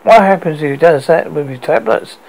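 A British man voicing a worried adult daughter in a story, with a gravelly voice. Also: fairly high pitch, animated, fairly quick, a little mellow, rough recording. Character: worried adult daughter fretting over her ailing father. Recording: noticeable background noise.

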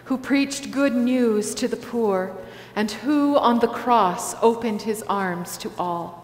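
Brief: woman pastor, slow measured liturgy, echoey church hall. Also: on the high side. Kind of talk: liturgical prayer and communion liturgy. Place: large church sanctuary.

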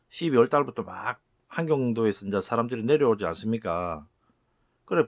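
A middle-aged man giving a lesson on words, sounding them out slowly and repeating each one. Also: fairly low pitch. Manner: slow, repeating words aloud to show sounds. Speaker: channel host explaining word origins. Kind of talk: lecture on words.

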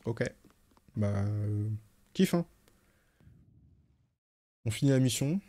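A man's voice: fairly low pitch, takes it slowly. A man streaming a video game, chatting casually and thinking aloud as he plays. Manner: relaxed, thinking aloud with fillers.

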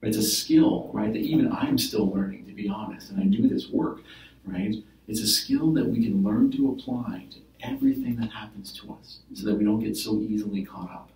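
Male therapist in a role-play demo, patient explainer, warm low tone, roomy room mic from afar. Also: normal speed. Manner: explaining gently with many "right?" and "like" fillers. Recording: roomy, from a distance.

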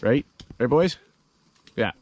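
A man's voice: mid-range voice, animated, slow pace, a little mellow. Chatty dad rambling outdoors to his camera. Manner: chatty, rambling, with frequent ums and uhs. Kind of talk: casual camping vlog talk to camera. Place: outdoors beside a cornfield. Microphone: handheld action camera at arm's length.

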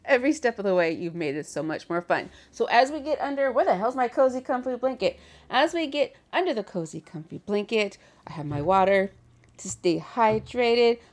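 A woman's voice: fairly high pitch, normal speed. Chatty lady hosting a reaction vid, voice swings all over, laughs a lot. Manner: animated, chatty, laughs often. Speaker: reaction video host. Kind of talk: casual reaction chat. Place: her bedroom.

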